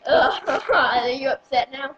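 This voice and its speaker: A woman's voice: high voice, animated, slow, a bit bright, dull audio. A woman chatting casually and reading out flavour choices during a jelly bean taste test.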